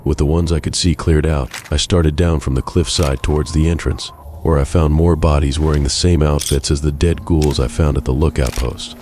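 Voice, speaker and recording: A man narrating a game playthrough as a first-person story in a measured, even way. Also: a bass voice, slight background noise.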